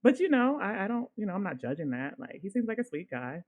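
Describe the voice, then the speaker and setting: A woman co-hosting a podcast, in the middle of a long personal story. She talks in a loose, lively way, with casual swearing and a steady, mid-range voice that sits between high and low. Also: fast talker, narrow, tinny audio. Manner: animated, swears casually, laughs while telling. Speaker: podcast co-host.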